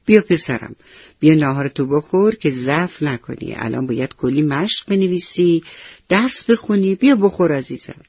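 A woman voicing a gentle, doting mother who coaxes her young son with affectionate words, in a children's story reading. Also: deep voice, expressive, slightly rough, dry recording, muffled recording, exaggerated voice. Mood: coaxing. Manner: soft, affectionate coaxing.

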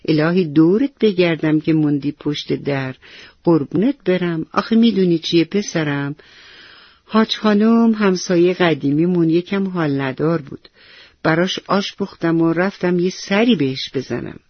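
A woman voicing a gentle, doting mother who coaxes her young son with affectionate words, in a children's story reading. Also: lowish voice, no echo, muffled recording, natural voice. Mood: tender. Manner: soft, affectionate coaxing.

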